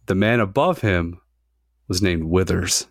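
A man's voice: low voice, animated, unhurried, no room sound, studio quality. A man hosting a casual podcast, reading out trivia questions and multiple-choice options to his friends and swearing freely. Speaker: podcast host running trivia quiz.

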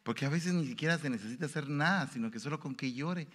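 A man's voice: quick pace, breathy edge, big-room sound. A male preacher, giving a sermon and asking his listeners questions. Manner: animated, shifts pitch and pace for emphasis, asks the audience questions.

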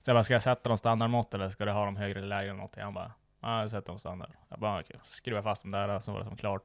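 A man's voice: on the low side, little pitch movement, vocal fry, no echo, studio quality. A man telling a work story in casual chat, swearing freely and acting out what people said. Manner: swears a lot, acts out quoted dialogue.

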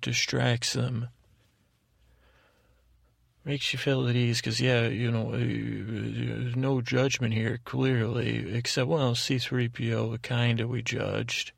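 A male podcast host delivers a whimsical, self-deprecating bedtime monologue, rambling haltingly in a deliberately dull drone. His medium-pitched voice is creaky and gravelly, recorded dry in studio quality.

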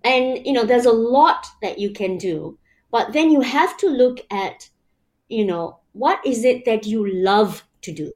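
Her voice is on the high side yet darkish in tone, animated but unhurried. A guest in an interview, this Malaysian woman reflects casually, setting out her ideas in numbered steps and using lots of "you know" fillers.

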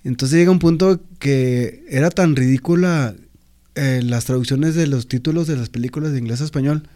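A man's voice: medium pitch, normal speed, warm tone. A man co-hosting a casual podcast, blunt and teasing, swearing casually. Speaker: podcast co-host. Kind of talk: casual chat.

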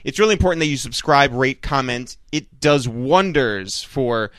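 A male podcast host with a bright, forward voice and very lively intonation. He banters casually and jokingly, and the recording is dry and close. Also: medium pitch, normal speed, no echo.

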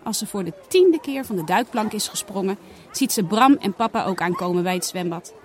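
A woman reading a children's story aloud, putting on lively voices for the characters' dialogue. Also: mid-range voice, a little fast. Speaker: storybook reader.

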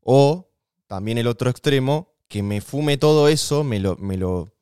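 A man with an Argentine accent co-hosting a podcast, giving relationship advice in a relaxed, slangy, conversational way. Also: medium pitch, unhurried, smooth, no room sound, clean studio sound. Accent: Rioplatense Spanish. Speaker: podcast co-host. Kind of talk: casual relationship advice chat.

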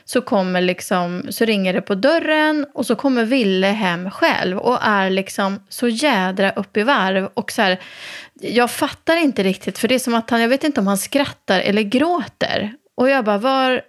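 A mother from Sweden joining in quickly and chattily as she retells the family story in casual conversation. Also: mid-range voice, animated. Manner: quick, chatty, adds to her partner's story.

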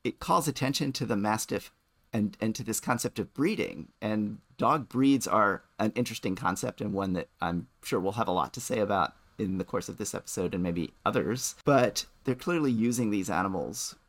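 A podcast co-host with a lowish voice talks at a moderate pace in a dry recording with no room sound. In casual chat, he thinks things through carefully and frequently restarts his sentences.

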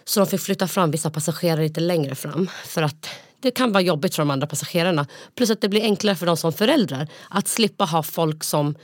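A woman co-hosting a podcast, telling a story in a casual, animated way with frequent fillers. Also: lowish voice, hardly any pauses, no echo, clean studio sound. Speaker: podcast co-host. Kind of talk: casual chat.

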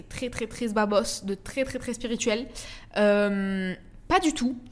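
A young French-speaking woman talks casually into her podcast mic. Her delivery is chatty and slangy, full of fillers and words said over and over. Her pitch sits in the middle range. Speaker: podcast host. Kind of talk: casual solo podcast chat. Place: at home in Dubai.

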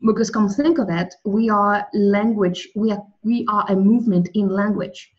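Appearing as a guest in a spiritual interview, this woman, a native Russian speaker, muses thoughtfully about soul and language, frequently restarting. Her voice is medium-pitched at a normal speed, and the recording has its highs cut off.

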